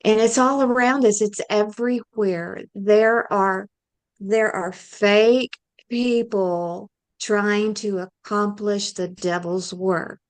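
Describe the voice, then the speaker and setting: A woman's voice: mid-range voice, fairly even intonation, slow. A woman co-hosting a casual faith-based talk show. She talks in an upbeat, folksy way and laughs often. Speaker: co-host. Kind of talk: casual podcast chat.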